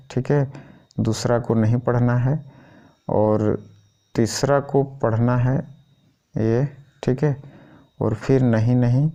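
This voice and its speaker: A man's voice: mid-range voice, mellow. A man going through a school syllabus item by item in an informal teaching style, often checking in with the listener. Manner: keeps repeating "thik hai" as a check-in.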